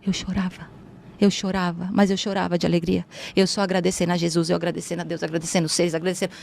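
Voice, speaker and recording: A woman's voice: fairly low pitch, fast talker, vocal fry. A woman telling a personal story in casual chat, acting out the voices of the people in it. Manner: animated, acts out quoted dialogue.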